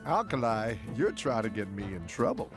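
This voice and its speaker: A man as a hearty, lively tavern bartender. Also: medium pitch, moderate pace, music in the background, natural voice. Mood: wry. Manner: hearty innkeeper, teasing. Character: friendly, wry male fantasy tavern bartender. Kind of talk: in-character answers to questions.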